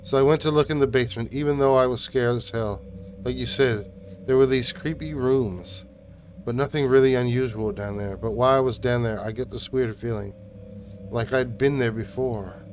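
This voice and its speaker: A man reading the lines of a frightened young woman nurse, quietly and unsteadily. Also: mid-range voice, moderate pace, slight background noise, close to an everyday voice. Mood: scared.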